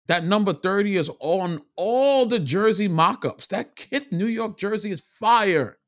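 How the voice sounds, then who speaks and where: A man's voice: high voice, measured pace, no echo, studio quality. A man giving an opinionated sports rant to camera, frustrated and repeating himself for emphasis. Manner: animated, frustrated, repetitive emphasis. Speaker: sports vlogger.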